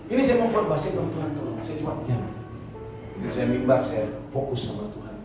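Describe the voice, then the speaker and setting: A man's voice: fairly high pitch, big pitch swings, fast, over music. Middle-aged man, pastor, casual storytelling sermon; distant mic, heavy hall echo. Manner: casual storytelling sermon with quoted voices and laughs. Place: church hall. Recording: echoey hall, voice from far off.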